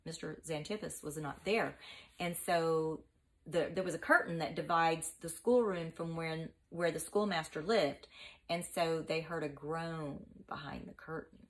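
A woman's voice: low voice, fairly even intonation, a little slow, low-quality recording. A woman teacher reading a children's book aloud and stopping to explain words to young listeners.

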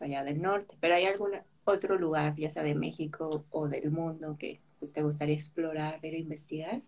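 A middle-aged woman hosts an interview over a laptop video call from a room at home. Her voice sits a little low, and she talks in a friendly, chatty way with quick, short replies. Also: darkish tone. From coastal Mexico. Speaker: host. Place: room at home with patterned wall.

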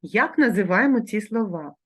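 In a remote grammar lesson for schoolchildren, a woman teacher with a Ukrainian accent enunciates sounds and example words slowly and carefully. She has an expressive, mid-range voice with a slightly rough edge.

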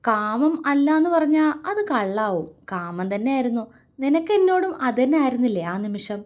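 A woman's voice: medium pitch, lively intonation, fairly quick, warm tone, dull audio, natural voice. A woman voicing a young husband in a romance story, playful and affectionate as he teases his wife. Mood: teasing. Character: teasing, tender young husband.

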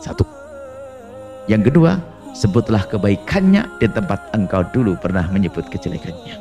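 A man preaching a sermon in an animated storytelling way, acting out little dialogues and laughing along. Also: fairly low pitch, normal speed, soft background music.

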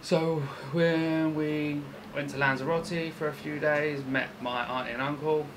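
A man's voice: a little high, level tone, a little slow, background noise. A man, chatting casually and joking on a sailing catamaran. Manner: jokey, laughs easily. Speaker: sailing vlogger. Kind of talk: casual chat. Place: outdoors on a sailing catamaran at sea.

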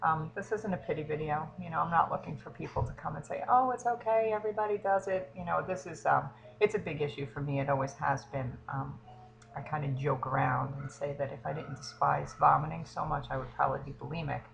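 A woman in her thirties, a fitness coach, speaking haltingly and close to tears in a confessional vlog. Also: low-pitched, level tone, gravelly, noisy background. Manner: hesitant, halting, frequent ums. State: emotional, near tears.

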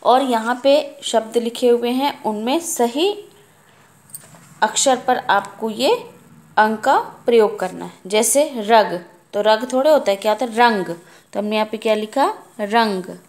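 A woman's voice: a little high, normal speed. A woman teacher giving a kindergarten Hindi lesson, patiently sounding out words and asking questions.

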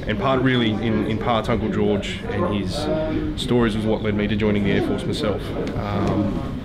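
A young man speaks at length in a rambling way, full of ums, about why a play meant something to him. His voice is fairly low, and a loud crowd chatters behind him. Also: little pitch movement, normal speed. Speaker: theatre audience member. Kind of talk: vox pop interview.

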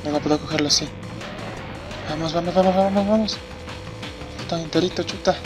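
This young let's play gamer talks fairly quickly in a voice on the high side, swearing heavily as he races. He reacts loudly and excitably, with the racing game's music and sound effects behind him.

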